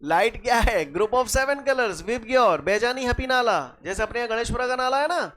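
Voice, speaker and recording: Lively high-voiced man teaching physics. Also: normal speed. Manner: lively, quizzes students with rhetorical questions. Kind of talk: classroom lecture.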